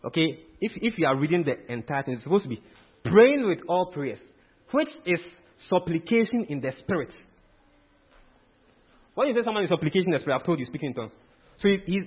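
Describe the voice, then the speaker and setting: A man preaches a teaching sermon in a slightly high, husky voice. He is emphatic and keeps quizzing his listeners with questions. The sound is thin and tinny, like a phone line.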